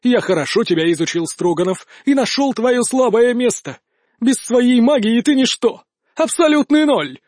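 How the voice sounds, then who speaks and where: A man voicing an arrogant, cowardly nobleman duelist who shouts boasts and then begs. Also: sits high, expressive, moderate pace, few pauses, no echo, studio quality. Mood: blustering.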